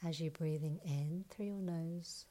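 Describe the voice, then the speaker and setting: A woman leading a guided breathing exercise, counting breaths and giving calm, soft instructions, sometimes close to a whisper. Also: deep voice. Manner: slow soothing counting instructions.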